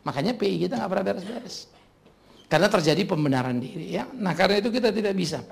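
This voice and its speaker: Gravelly high-voiced joking pastor. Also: male voice, fast talker, slight background noise. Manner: lively, joking preacher who laughs often. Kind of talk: humorous sermon. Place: church.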